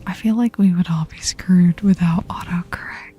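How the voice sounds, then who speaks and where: On her ASMR stream, a woman with a voice on the low side talks casually to live viewers, often whispering in a soft, breathy tone. The close microphone catches her slow, relaxed, intimate murmur over background music.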